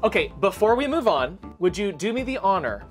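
A man's voice: sits high, very animated, a little fast, soft background music. A young man hosting a comedy show with a campy, sassy drag-queen style of delivery and playful banter. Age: young adult. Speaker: host of a comedy talk show. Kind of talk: playful scripted intro and banter. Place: indoor studio set.

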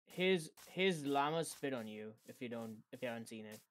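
A man's voice: mid-range voice, expressive, normal speed, fairly bright tone. A young man gaming with friends, asking curious, rambling questions over a headset. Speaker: gamer. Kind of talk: casual gaming chat. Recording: voice chat with audible hiss.

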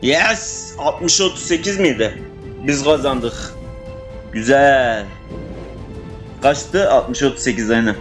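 A young man commenting casually on his shooter gameplay, excitable and swearing, talking to his teammates and enemies. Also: medium pitch, slow pace, pauses often, soft background music. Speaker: gamer playing a shooter. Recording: game gunfire under the voice. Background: gunfire and game sound effects.

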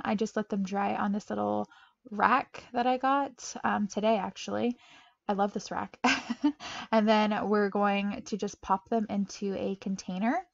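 A young woman with a medium-pitched voice and vocal fry narrates her meal prep in her home kitchen, bubbly and chatty, often laughing between steps. This casual cooking voice-over is recorded dry, with the highs cut off.

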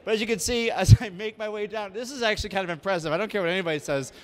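The high-pitched voice of a man in his thirties races along as he hosts a casual walking tour inside a large convention hall. He jokes and makes fun of himself, speaking into a handheld mic.

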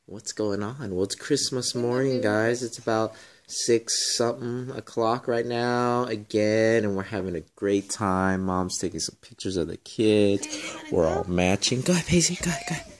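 A man with a raspy morning voice, casually narrating a home video of his family, cheerful and laughing often. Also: lowish voice, moderate pace. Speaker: father filming his family.

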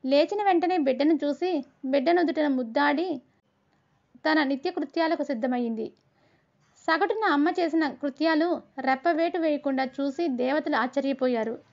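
A woman storyteller with a high voice reads a children's tale steadily, ticking through each step. The sound is dull and lo-fi. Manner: steady, measured listing. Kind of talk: storybook narration. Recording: dull lo-fi recording.

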